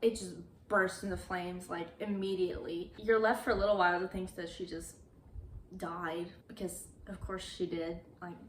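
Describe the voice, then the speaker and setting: A woman's voice: on the low side, steady tone, moderate pace, a little hiss or hum. A young adult woman recapping a movie in a casual, chatty way, with lots of "like" fillers. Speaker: YouTuber. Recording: roomy echo.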